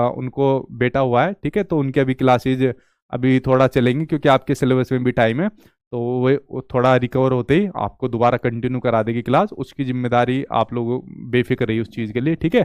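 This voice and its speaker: A man's voice: medium pitch, a little mellow, clear, resonant tone, no echo, clean studio sound. A male teacher giving an online exam-prep lecture. He keeps asking the class questions and answering them himself, and he drops into his speech.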